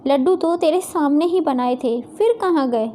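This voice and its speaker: A woman's voice: high voice, normal speed, slight background noise, close to an everyday voice. A woman voicing a bossy middle-aged mother-in-law who gives orders and scolds. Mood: upset. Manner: scolding, commanding, calls out loudly.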